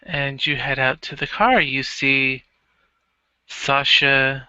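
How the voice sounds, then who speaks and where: A man running a tabletop game, narrating in a laid-back, drawn-out way. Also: medium pitch, fairly even intonation, pushed and bright, clear, resonant tone, no echo. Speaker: game master. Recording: dull lo-fi recording.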